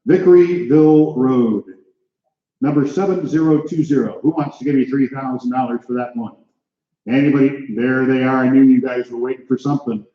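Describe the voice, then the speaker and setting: An American male auctioneer runs a live sale in a roomy, reverberant space. He rattles through rising figures in clipped auction patter and keeps calling out for the next bid. His mid-pitched voice comes through a little dull. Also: steady tone, moderate pace. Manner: auctioneer's patter, clipped numbers and repeated calls to bidders. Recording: echoey room, slightly dull sound.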